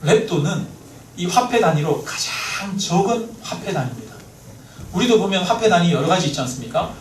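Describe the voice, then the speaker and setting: A male pastor preaching a sermon in a church, lively, often asking the congregation questions. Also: high-pitched, brisk. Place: church sanctuary. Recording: roomy, mic at a distance, faint noise.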